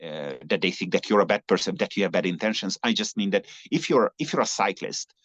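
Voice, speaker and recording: Guesting in a conversational interview, a Hungarian long-distance cyclist and native speaker talks earnestly, often restarting sentences and leaning on fillers. He speaks fast in a low, fairly bright voice with lively intonation. The recording has no room sound but a slightly dull lo-fi quality.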